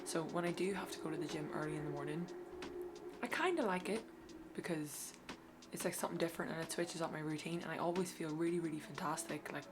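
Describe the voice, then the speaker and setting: A woman's voice: low voice, fast, over music. A woman chatting informally and slangily as a fitness vlogger in a casual video. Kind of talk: casual vlog chat.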